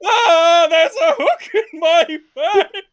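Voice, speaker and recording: Woman doing a high-pitched melodramatic talking koi fish. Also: very animated, moderate pace. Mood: dramatic pain. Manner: melodramatic, exclaiming and wailing. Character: hapless forgetful cursed koi fish, whiny and dramatic. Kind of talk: tabletop role-play.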